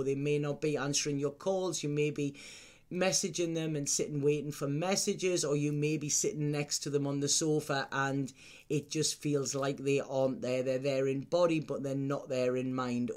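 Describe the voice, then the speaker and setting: A man's voice: fairly high pitch, darkish tone. A man giving an unscripted mystical horoscope reading as a tarot reader, speaking straight to the listener with reassuring advice and frequent checking tags.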